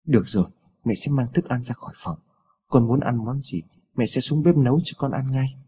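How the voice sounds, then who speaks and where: A man voicing a weary, widowed mother, speaking in a tired, pleading way with a husky tone. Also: mid-range voice, animated, brisk, dark tone. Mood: apologetic. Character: worn-out grieving widowed mother.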